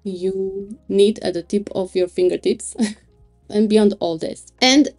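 A woman talks through hosting plans over a screen recording, unhurried and thinking aloud. Her voice is mellow and dark-toned, with light music playing faintly behind. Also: mid-range voice, steady tone. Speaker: web hosting reviewer. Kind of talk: screen-recorded product walkthrough.

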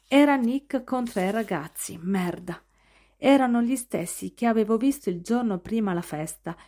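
A woman narrating a novel in the first person with expressive storytelling. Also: mid-range voice. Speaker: audiobook narrator.

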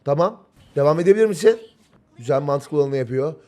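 A young man from Turkey giving live, excitable commentary on a mobile game match and calling out moves to the players. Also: on the high side, a little fast. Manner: excitable, yells at players when the fight heats up.

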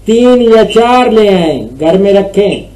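A middle-aged Pakistani man answers callers with farming advice in a warm, joking phone-in chat, his high voice expressive and slow-paced. He's an agricultural advisor, recorded by webcam in a small room, and the audio is rough.

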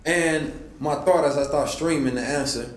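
A man giving a motivational talk in a somewhat high voice, preaching to his listeners and throwing out rhetorical questions. His voice rings in a roomy, echoey space, with faint music underneath. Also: normal speed. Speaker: host.

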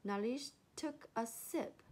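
Woman storyteller, children's reading, slow and bright-pitched. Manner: slow, expressive.

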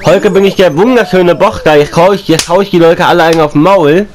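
A gaming YouTuber, a young man with a slight cold, chats casually while playing and commenting on a console game. His voice sits high and moves briskly, and he repeats and rhymes his lines, breaking into excited outbursts as he plays.

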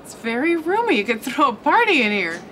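An American actress playing an exasperated, teasing but loyal young wife in a sitcom, blunt and challenging. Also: female voice, sits high, sing-song, brisk. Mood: supportive. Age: 30s. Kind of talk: sitcom acting. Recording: noisy 1990s TV sitcom soundtrack.

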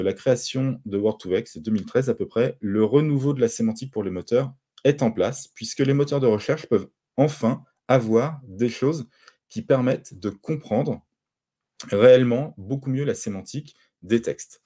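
A man's voice: mid-range voice, moderate pace, mellow. A middle-aged French-speaking man giving a conference talk with slides, explaining step by step with frequent hesitations and restarts.

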